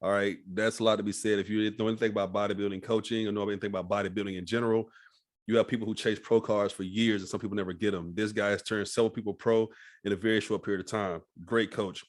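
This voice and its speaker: A man's voice: fairly low pitch, little pitch movement, fast. A man hosting a podcast interview, laid-back and casual, often tagging "all right?" and swearing freely. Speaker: podcast host.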